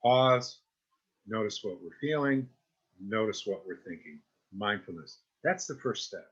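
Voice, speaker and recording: A male mindfulness teacher talks his listeners through self-compassion in an easy, conversational way, often pausing to ask "right?" or "okay?". His voice is bright with a husky edge. The recording sounds a bit dull and lo-fi. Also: medium pitch. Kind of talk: guided self-help talk.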